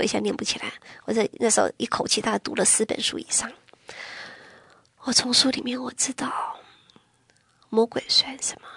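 Gravelly woman giving emotional testimony. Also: a little high, dry recording, studio quality. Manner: emotional, swings from loud to whispered. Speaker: testimony speaker.

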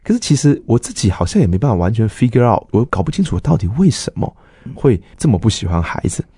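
A man's voice: lowish voice, big pitch swings, fast talker, mellow, slightly rough, no echo, studio quality. A middle-aged man, a pastor earnestly telling his personal testimony and acting out the dialogue he quotes.

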